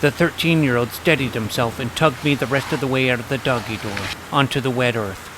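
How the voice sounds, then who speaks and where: Over loud dramatic music, a man narrates an audio drama in the first person as its lead, a plucky, self-assured boy detective recounting his adventures. His mid-pitched, natural voice moves fairly quickly, with background noise, and he sounds relieved and wry.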